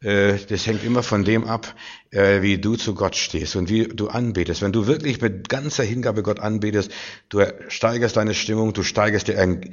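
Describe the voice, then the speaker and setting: A man preaching a sermon with passion, swinging from hushed lines to loud outbursts. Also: fairly low pitch, normal speed, lo-fi sound.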